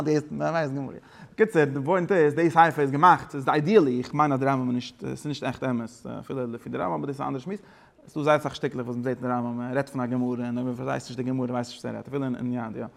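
A man teaching a religious study lesson, explaining in a rapid, rambling way and dropping English words into his talk. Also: medium pitch, fairly even intonation, vocal fry.

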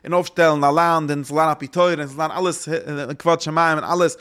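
A man giving an informal religious talk, rambling and halting, often repeating his phrases. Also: a little high, steady tone, a bit bright, smooth.

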